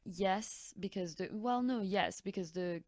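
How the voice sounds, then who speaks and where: A woman co-hosting a podcast, chatting casually and quickly with many "like" fillers. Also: medium pitch, a little mellow, no echo. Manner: chatty, quick asides with lots of "like". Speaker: podcast co-host. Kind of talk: casual chat.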